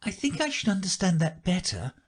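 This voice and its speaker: A polite, earnest young girl from a storybook, put on by a male reader. The voice is lifted high with a husky rasp and a lively, questioning lilt. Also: normal speed, heavily acted.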